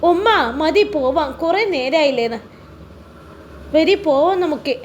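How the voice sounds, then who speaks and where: A woman voicing an affectionate young teenage daughter who speaks in a pleading, higher voice. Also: animated, measured pace, muffled recording, a little hiss or hum. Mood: anxious.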